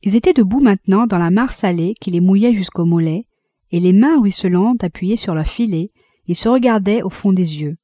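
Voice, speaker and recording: Warm-voiced woman reading a novel. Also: mid-range voice, no echo. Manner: expressive, measured reading. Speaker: audiobook reader. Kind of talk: literary audiobook narration.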